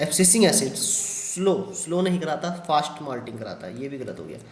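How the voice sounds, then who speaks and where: A man's voice: medium pitch, very animated, moderate pace, slight background noise. Hindi-speaking man teaching biology, echoey room. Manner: addresses students as "beta", frequent "thik hai" and "hai na" check-ins. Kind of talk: exam question walkthrough lecture.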